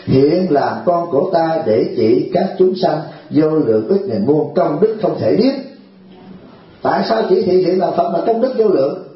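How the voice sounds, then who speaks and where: A man's voice: on the high side, lively intonation, measured pace, warm tone. A man, a Buddhist teacher, giving a humorous, chatty sermon at a retreat and constantly asking his listeners "right?". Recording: heavy hall echo.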